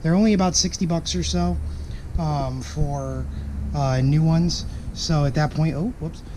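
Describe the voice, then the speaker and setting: A man with a hoarse voice that is partly lost, talking casually to camera in a rambling, apologetic way about a car project. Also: fairly high pitch, unhurried. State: hoarse, losing his voice. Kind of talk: casual vlog talk to camera. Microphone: camera-mounted microphone. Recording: noisy ambient camera microphone recording.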